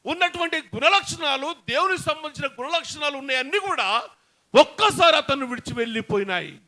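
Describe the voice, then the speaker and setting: A man's voice: very high-pitched, bright, forceful tone. A man preaching a sermon, who fires questions at his congregation and answers them himself. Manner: call-and-response questions to the congregation.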